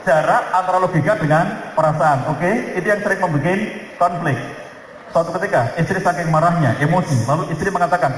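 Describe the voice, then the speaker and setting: High-voiced preacher man in an echoing hall. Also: brisk. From Indonesia. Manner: conversational, teasing the audience, acts out quoted dialogue. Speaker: preacher giving a family seminar. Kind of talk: lively seminar sermon. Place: large hall. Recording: very echoey hall with faint noise.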